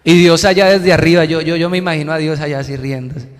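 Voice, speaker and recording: A man preaching a sermon as pastor, animated and joking. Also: on the high side, fast. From Colombia. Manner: animated, joking, acts out quotes. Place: church hall. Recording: reverberant hall sound.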